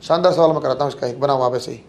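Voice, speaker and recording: A man's voice: medium pitch, rapid-fire, slight background noise. A man teaching physics to exam students, calling them beta and bachhon and asking and answering his own questions. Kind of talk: classroom lecture.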